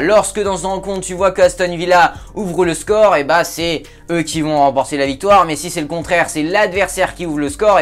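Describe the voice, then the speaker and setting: With a high, fairly bright voice, this man runs a casual football talk show vlog, bantering with viewers and joking, though he hesitates often.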